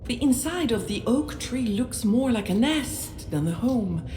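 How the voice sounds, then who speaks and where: A woman narrating a medieval role-playing game in a measured storybook manner, sometimes dropping to a hush. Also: fairly high pitch, expressive. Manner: measured, with occasional hushed whispers. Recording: roomy echo, faint noise.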